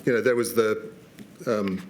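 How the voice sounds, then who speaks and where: A man's voice: lowish voice, fairly even intonation, unhurried, slight background noise. A British man giving formal testimony at a public inquiry, hesitant, with many fillers and restarts.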